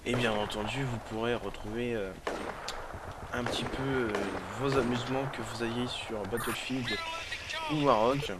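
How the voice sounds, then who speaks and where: Hoarse man over noisy game sound. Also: medium pitch, steady tone. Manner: hesitant, halting, repeats himself. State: hoarse, sore throat from being sick. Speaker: gaming video presenter. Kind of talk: casual unscripted gameplay commentary. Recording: noisy, with game gunfire and clicks. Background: video game gunfire and clicks.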